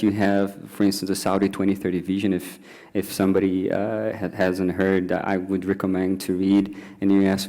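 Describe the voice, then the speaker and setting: A man's voice: low voice, dark tone. A man speaking on a panel discussion, hesitant, with many fillers and restarts.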